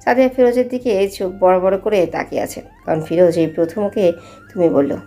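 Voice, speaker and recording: Young woman narrator, mellow timbre, steady story reading. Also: medium pitch, brisk, soft background music.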